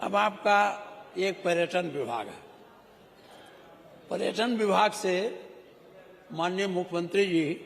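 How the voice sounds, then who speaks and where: High-voiced man scolding ministers in an echoing chamber. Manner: rhetorical, scolding, with teasing asides to ministers. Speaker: legislator speaking in the state assembly. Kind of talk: parliamentary floor speech. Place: large legislative chamber. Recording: echoey hall broadcast audio.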